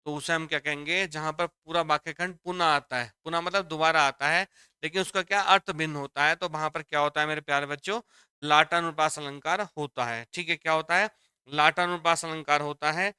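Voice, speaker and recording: Male Hindi teacher, fairly high, bright and crisp voice, dry close sound; explains patiently and repeats each point. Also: fairly even intonation, brisk, no room sound. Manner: explains step by step, repeats lines, addresses students as dear children. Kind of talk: exam-prep grammar lesson.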